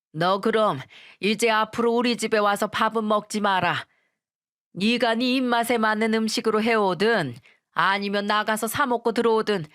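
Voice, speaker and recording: A woman's voice: medium pitch, fairly bright tone, close to an everyday voice. Woman doing a stern scolding father-in-law. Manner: gruff, lecturing.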